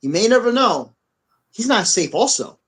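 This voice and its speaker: A man's voice: high-pitched, moderate pace, low-quality recording. A man co-hosting a podcast, ranting bluntly with repetition and swearing. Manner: blunt, repetitive, profane, animated. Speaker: podcast co-host. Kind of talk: heated opinion rant. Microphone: on camera.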